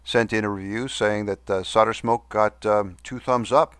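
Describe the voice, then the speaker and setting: A man with a fairly low voice hosts a podcast, recorded very dry. His S sounds whistle slightly. He talks casually and haltingly, with good-humoured, self-deprecating asides. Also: fairly even intonation, fairly bright tone, clear, resonant tone, no room sound. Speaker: podcast host. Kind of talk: casual monologue reading listener mail.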